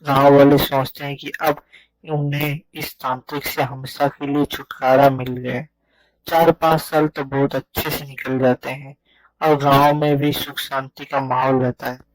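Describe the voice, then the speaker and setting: A man's voice: mid-range voice, little pitch movement, unhurried, no echo, rough recording. A man narrating a village ghost story as a storyteller.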